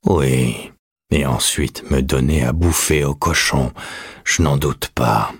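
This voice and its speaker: Man doing a husky sinister old man. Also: no room sound, clean studio sound, exaggerated voice. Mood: mocking. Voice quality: very husky, low and slow. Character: weak sinister old man, cold and mocking. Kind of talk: audiobook character voice.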